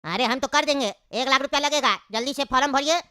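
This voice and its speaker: A woman voicing a calm adult male doctor who explains things in a measured way, in a comedy sketch. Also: sits high, no echo, studio quality. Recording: loud background noise.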